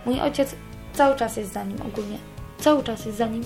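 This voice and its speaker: Young woman talking straight, swears a lot, high-ish voice, quiet music under. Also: a little fast. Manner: candid, swears freely. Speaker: interviewee. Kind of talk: personal account.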